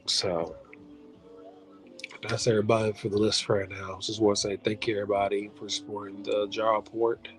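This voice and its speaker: With faint music playing behind him, the host of an online league show says goodbye in a casual video, rambling through sincere thanks and dropping a few swear words. He speaks at a normal speed in a lowish voice with little pitch movement.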